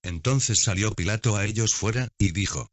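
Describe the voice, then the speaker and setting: A man reading scripture aloud in a measured, steady way, as scripted narration. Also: on the low side, dry recording. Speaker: Bible reader. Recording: dull, dry lo-fi recording.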